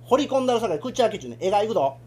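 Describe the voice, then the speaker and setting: A grumpy, stingy father with a Kansai accent grumbles and scolds, as a man plays him. The voice is husky and rises and falls a lot. The delivery is rakugo comedy. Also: sits high, big pitch swings, racing, a little mellow, exaggerated voice. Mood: scolding. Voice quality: gruff, scolding. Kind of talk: rakugo storytelling.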